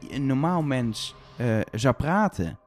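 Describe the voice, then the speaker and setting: A man with a soft-g Brabant accent, chatting as a podcast co-host in an analytical, hesitant way. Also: mid-range voice, expressive, slow pace, music in the background. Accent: Brabant Dutch, soft g. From Brabant, Netherlands. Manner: analytical, hesitant with many fillers. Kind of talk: casual chat.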